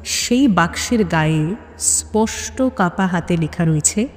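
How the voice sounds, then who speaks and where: For an audio story, a woman gives dramatic suspense narration, phrasing it in measured chunks broken by tense pauses. Her low-leaning voice is bathed in a long, hall-like reverb.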